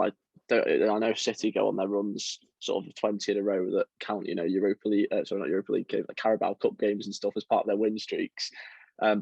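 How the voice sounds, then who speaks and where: A young man from around Liverpool, chatting as a football writer guest in a relaxed, self-deprecating way with lots of fillers. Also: on the low side, creaky, breathy edge, no room sound. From England, around Liverpool. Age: young adult. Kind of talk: casual interview chat.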